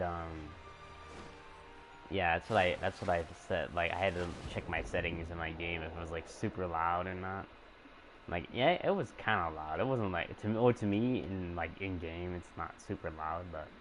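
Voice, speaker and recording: A young man streaming a game, talking casually in a quiet, hesitant way with many fillers and restarts. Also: sits low, rough recording.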